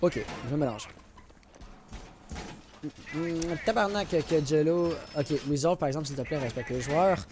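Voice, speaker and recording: This esports caster speaks Quebec-accented French in a slightly high voice, measured and pausing often as he commentates a live match. He keeps it loose and colloquial, dropping English gaming slang and chatting casually with viewers, while clicks and gunfire from the game sound clearly behind him.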